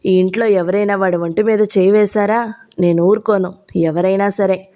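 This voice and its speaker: A woman voicing a stern, protective young husband who speaks in a forceful, commanding way, in an audio novel. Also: mid-range voice, fairly even intonation, moderate pace, close to an everyday voice.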